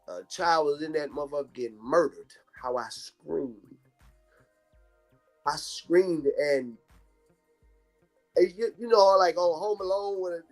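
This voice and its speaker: A man, a bereaved father, telling the story of his daughter's death on a live-stream interview. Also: sits high. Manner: animated, vernacular storytelling. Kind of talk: emotional personal account.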